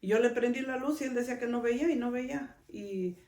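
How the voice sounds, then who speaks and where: A woman's voice: a little high, brisk, a little mellow, far from the mic. Middle-aged woman, podcast host, chatty personal storyteller, recorded off-mic in a roomy space. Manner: conversational, often adds a questioning tag to her sentences. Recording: roomy sound, speaker off-mic.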